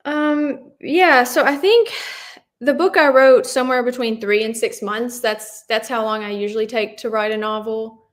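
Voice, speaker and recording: A woman's voice: on the high side, normal speed. A woman author who reads from her novel and then answers interview questions in an earnest, reflective way.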